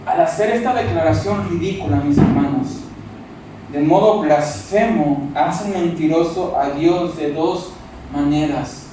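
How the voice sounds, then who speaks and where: A pastor with a Monterrey accent preaches in a loud, forceful voice that sits high for a man. He sounds far from the microphone in a very echoey church hall, with faint noise underneath. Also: a little slow. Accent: northern Mexican (Monterrey). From Monterrey, Mexico. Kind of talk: sermon.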